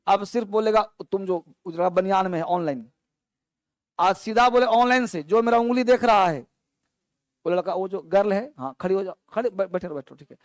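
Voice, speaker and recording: A male teacher drilling a class on vocabulary, saying each word slowly and then giving its meaning, and calling students up to answer. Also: sits high, no room sound. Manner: quizzes students, calling on them to stand. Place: classroom with an online stream.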